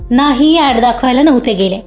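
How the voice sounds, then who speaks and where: A woman's voice: fairly high pitch, animated, moderate pace, a little mellow, close to an everyday voice. A woman voicing a caring, outspoken young woman office worker who talks firmly. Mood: calm. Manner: firm, outspoken. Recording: dull lo-fi audio with faint music.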